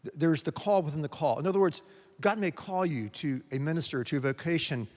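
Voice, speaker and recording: A man from North Carolina, a pastor delivering a sermon with emphatic, repetitive phrasing and dramatic pauses. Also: on the high side. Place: church sanctuary. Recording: long reverb of a church sanctuary.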